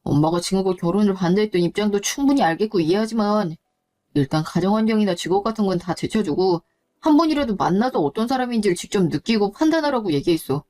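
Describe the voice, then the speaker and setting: A woman voicing an earnest young man who speaks in a soft, coaxing way in a story drama. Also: mid-range voice, lively intonation, quick pace, lightly acted. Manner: coaxing, fond.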